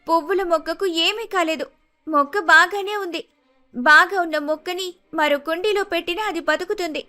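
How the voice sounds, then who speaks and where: A woman's voice: very high voice, brisk, pushed and bright, faint music behind. A woman voicing a meek young newlywed daughter-in-law in a cartoon story, pleading and apologetic. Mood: hurt pleading.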